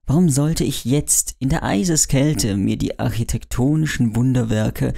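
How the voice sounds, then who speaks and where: A man's voice: medium pitch, normal speed, creaky, dark tone. A man narrating a first-person thriller audiobook in a brooding, introspective way.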